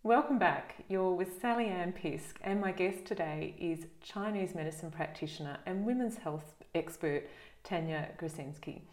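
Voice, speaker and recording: A middle-aged woman hosting an interview, speaking gently and reflectively with frequent pauses and fillers. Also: on the low side, echoey room. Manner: gentle, reflective, with many ums and uhs. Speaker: host. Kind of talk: conversational interview.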